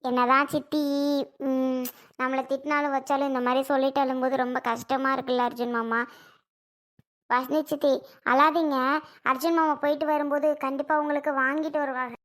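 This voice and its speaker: Woman doing a kind young niece, sweet soft voice, comforting her aunt. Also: high voice, little pitch movement, a little fast, pitched below the performer's own voice. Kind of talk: family skit acting.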